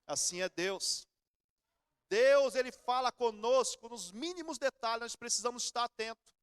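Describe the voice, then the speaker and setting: A man's voice: extremely high pitch, unhurried, smooth, dry recording, studio quality. A middle-aged Brazilian man preaching a sermon in church, telling everyday stories in a conversational way. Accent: Brazilian Portuguese. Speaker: pastor.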